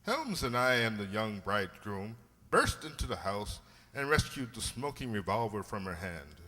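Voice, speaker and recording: A man playing an earnest, pompous, blustering gentleman doctor, a detective's loyal companion, in a radio play. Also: fairly low pitch, sing-song, normal speed, exaggerated voice. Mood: reflective narration. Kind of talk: radio play acting and narration. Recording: echoey hall.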